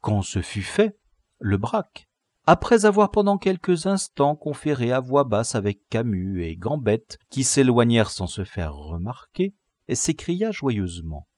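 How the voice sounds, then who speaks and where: A man narrating an audiobook slowly and deliberately, his voice rising and falling in a lively way. The recording is close and completely dry, with no room sound. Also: medium pitch, no echo. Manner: measured, expressive storytelling. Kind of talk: scripted narration.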